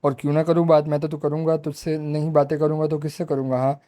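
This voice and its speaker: A man's voice: on the high side, level tone, fast talker, dark tone, natural voice. A man reading as an easygoing young man. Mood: puzzled.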